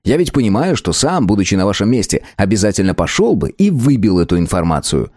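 A man voicing a careful male curator who speaks with measured reluctance, in a storybook reading. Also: lowish voice, sing-song, darkish tone, no room sound, clean studio sound. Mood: reluctant. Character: cautious male game curator, hinting slyly.

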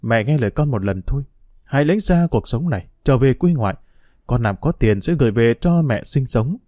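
A man's voice: mid-range voice, expressive, moderate pace, no echo, studio quality, lightly acted. A man voicing a weary young woman who pleads earnestly but firmly with her mother, in a storybook reading. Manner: earnest, pleading, quietly firm. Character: young woman, weary, firm, resigned daughter.

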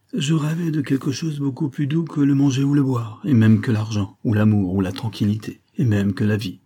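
A man's voice: fairly low pitch, dark tone, natural voice. A man doing a bitter, feverish vagabond. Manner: gruff and bitter. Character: sick, vengeful, exhausted male vagabond.

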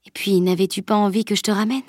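A woman's voice: mid-range voice, fairly even intonation, fast talker, a little mellow, no echo, clean studio sound, lightly acted. A woman reading the part of a determined teenage girl in an audiobook, earnest and resolute.

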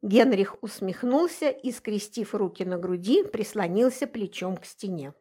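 A woman narrating a first-person audiobook in an expressive, measured way. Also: mid-range voice, breathy edge.

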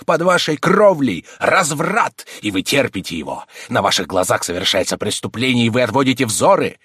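A man's voice: mid-range voice, lively intonation, moderate pace, dry recording, clean studio sound, pitched above the performer's own voice, lightly acted. A man voicing an angry, accusing country priest in a dramatized audiobook reading. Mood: furious. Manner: thundering, accusing, preachy. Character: stern fiery male country priest.

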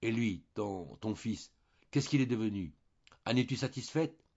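Casting: a frail, tender older lady, read by a male narrator, soft and husky, dull sound. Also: on the low side, animated, measured pace, heavily acted. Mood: tender, sorrowful. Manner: soft, trembling speech.

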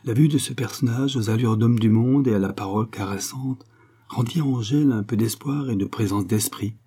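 A man narrating a classic novel as an audiobook. He reads in a measured, even storytelling manner. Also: medium pitch, breathy edge.

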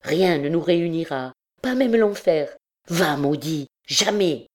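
A woman's voice: sits low, lively intonation, unhurried, darkish tone. A woman voicing a fierce young prisoner girl. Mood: furious. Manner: cold, fierce. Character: defiant young woman prisoner, cold and scornful. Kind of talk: audiobook character reading.

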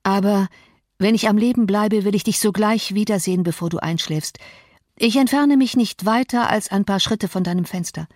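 A woman's voice: mid-range voice, moderate pace, a little mellow, no room sound, clean studio sound, lightly acted. A woman reading the lines of a brooding, bitter man torn by love, in an intense, reproachful tone. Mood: urgent.

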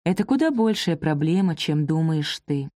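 A worried, protective older sister speaks earnestly in an audiobook, as a woman reader voices her. The voice sits low and mellow, recorded dry and close. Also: expressive, moderate pace, no room sound. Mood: sad. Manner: earnest, pleading. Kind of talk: audiobook character voice.

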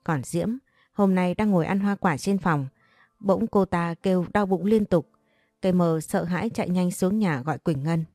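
A woman narrating a dramatic audio story in an even, scripted storytelling manner. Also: lowish voice, moderate pace, dry recording, clean studio sound. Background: faint music.

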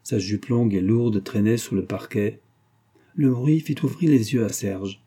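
A man reading a novel aloud as an audiobook narrator, in steady, even scripted narration. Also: on the low side, unhurried, husky.

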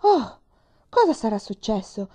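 A woman reading an audiobook, voicing a calm but worried pioneer mother in a soft voice. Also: a little high, measured pace. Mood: anxious.

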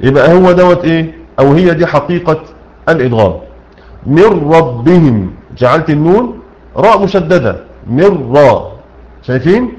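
A man's voice: on the high side, animated, a little mellow, low-quality recording. A man with an Egyptian accent teaching Quran recitation rules, explaining a poem line by line, asking questions and answering them himself. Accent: Egyptian Arabic. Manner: asks questions and answers them himself, repeats key words, recites slowly.

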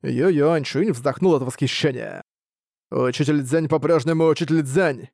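A man's voice: on the high side, normal speed, gravelly, darkish tone, no room sound. Man narrating a fantasy audiobook, dry close. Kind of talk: scripted narration of a fantasy novel.

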